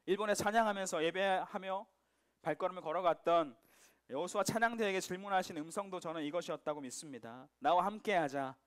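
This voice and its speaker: A male pastor preaching to teenagers in a lively way, joking and asking his listeners questions. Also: high voice, fast, clean tone. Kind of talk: sermon to teenagers.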